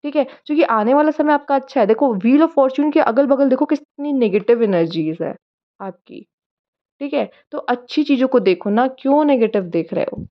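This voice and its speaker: Chatty high-voiced woman reading tarot. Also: lively intonation, moderate pace, lo-fi sound. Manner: chatty, coaxing, mixes English words into Hindi. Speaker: tarot card reader. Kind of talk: casual monthly tarot reading.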